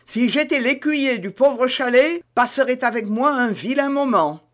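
A man's voice: very high-pitched, unhurried, fairly bright tone, voice pushed up. Man voicing Porthos, blustering proud musketeer. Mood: hearty. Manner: hearty, emphatic and lecturing. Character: blustering, proud young male musketeer, vain and moralizing. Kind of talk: audiobook character reading.

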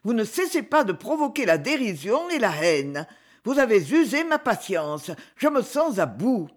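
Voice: medium pitch, very animated, normal speed. An audiobook reader voicing a small, fiery wife who scolds her husband in a raised, indignant voice. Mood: scolding. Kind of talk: audiobook character reading.

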